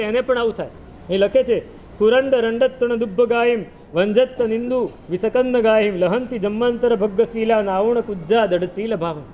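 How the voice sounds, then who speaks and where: A man's voice: high-pitched, slight background noise. A man preaching a sermon, retelling a scripture story with rhetorical questions and chanted verses.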